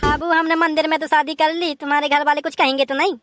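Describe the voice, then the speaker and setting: A woman's voice: high-pitched, level tone, fast, noisy background, natural voice. A woman voicing a lazy, grumbling young bride in a comic cartoon, whiny and theatrical with wailing exclamations.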